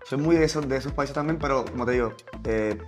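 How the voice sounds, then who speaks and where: A man's voice: mid-range voice, fast, over music. Laid-back Puerto Rican man co-host. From Puerto Rico. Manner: relaxed, slangy, mixes in English phrases. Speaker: podcast co-host. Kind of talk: casual chat.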